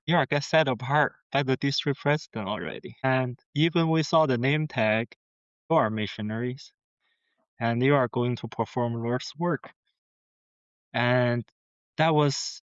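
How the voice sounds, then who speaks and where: As a guest on a podcast, a young Chinese man shares his own story in English, his Mandarin accent audible and his delivery earnest but halting, with frequent restarts as he looks for the right words. The voice is medium-pitched, smooth and clear, captured up close and dry with no echo and a slightly dull, lo-fi sound.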